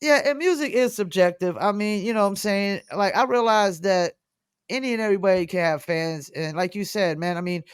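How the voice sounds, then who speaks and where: A man hosting a podcast interview, talking in a casual, animated, slangy way. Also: sits high, a little fast, clean tone, no echo, studio quality. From North Carolina, USA. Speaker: podcast host.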